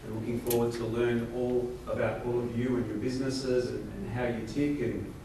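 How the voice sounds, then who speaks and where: An Australian company executive in his forties gives a joking, self-deprecating rally speech on stage in a large event hall, using many fillers. His voice is medium-pitched and flat at a moderate pace. It's recorded from far off in the echoey hall, with crowd noise.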